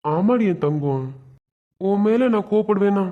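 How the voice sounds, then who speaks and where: A man's voice: sits high, expressive, measured pace. A man voicing a stern but loving young husband in a cartoon, firm and lecturing. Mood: soothing. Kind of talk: cartoon web series voice acting. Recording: dull lo-fi sound.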